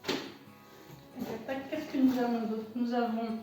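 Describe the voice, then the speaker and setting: High-voiced woman unboxing in an echoey room. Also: level tone, unhurried, warm tone, soft background music. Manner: hesitant, many fillers and self-corrections. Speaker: shop owner unboxing products. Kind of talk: casual unboxing commentary. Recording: echoey room, voice far from the mic.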